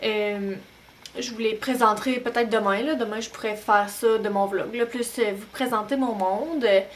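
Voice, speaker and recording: A young woman with a Québécois French accent talking casually to camera at home as a new-mom vlogger, relaxed and full of hesitant pauses. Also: on the high side, slight background noise. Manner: chatty, many "euh" pauses, relaxed. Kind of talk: casual vlog talk to camera. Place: home, bedroom at night.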